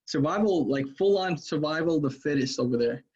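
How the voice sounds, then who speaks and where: Husky-voiced male guest on lo-fi audio. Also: a little high, lively intonation, brisk, a little mellow. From Russia. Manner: casual, loose, fills with man and like. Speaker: podcast guest, investor. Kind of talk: casual interview chat.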